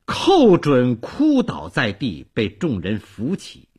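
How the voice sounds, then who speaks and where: A man's voice: mid-range voice, wildly swooping pitch, slow pace, a little mellow, slightly rough. A man narrating a historical tale in a traditional oral storytelling style, with dramatic, emotive delivery.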